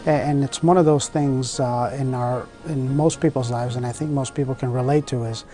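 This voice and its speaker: A man's voice: mid-range voice, steady tone, moderate pace, music in the background. A man, a surgeon, speaking in an interview in an earnest, explanatory way.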